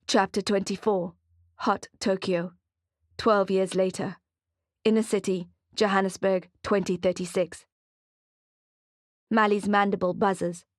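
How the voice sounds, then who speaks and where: Female audiobook narrator, mid voice, measured thriller read, dead-dry booth. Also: mid-range voice, flat delivery, no echo. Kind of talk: scripted narration.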